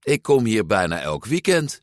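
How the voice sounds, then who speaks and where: A man's voice: on the low side, big pitch swings, normal speed, no echo, clean studio sound, pitched above the performer's own voice. Een man die een wijze, ontspannen oma voorleest in een verhalenboek. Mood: wise. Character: wise, easygoing grandmother.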